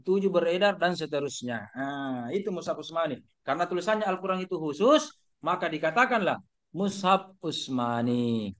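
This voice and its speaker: A man's voice: on the high side, lively intonation, normal speed. A middle-aged man lecturing an online class, asking his students questions and repeating points with many fillers. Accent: Indonesian.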